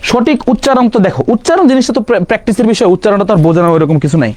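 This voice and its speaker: A young man teaching grammar for an exam-prep class, firing quick questions and answering them himself, casually mixing in English words. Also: high voice, lively intonation, a little mellow, no room sound. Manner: quizzing with rapid questions and self-answers. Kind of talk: online exam-prep lesson.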